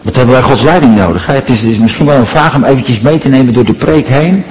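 Man, middle-aged, preacher, sermon, earnest rhetorical delivery, from the Netherlands, mid-pitched voice. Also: fast talker, darkish tone. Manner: earnest, rhetorical, with frequent tag questions. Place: church. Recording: long reverb of a large church.

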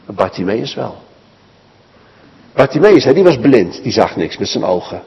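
A man preaching a children's sermon, telling a Bible story in a lively way and speaking directly to the children. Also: mid-range voice, normal speed, gravelly, husky, big-room sound, highs cut off.

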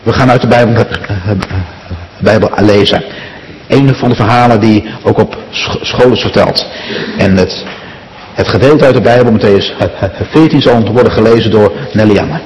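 A man's voice: lowish voice, a little hiss or hum. Man leading church prayer. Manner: calm, halting with fillers and restarts. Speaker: pastor. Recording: reverberant church hall.

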